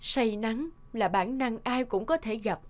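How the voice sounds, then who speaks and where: In an animated family drama, a mother talks a little slowly, her high-leaning voice soft and full of sentiment. She sounds tender and earnest, like she's finally telling her son about a regret she's carried for years.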